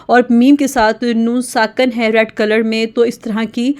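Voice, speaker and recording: A woman gives a children's lesson in a smooth, clear voice that sits a little high. She spells each syllable out slowly and repeats it with patience, slipping English words in as she goes. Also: little pitch movement. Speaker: Quran reading teacher for children.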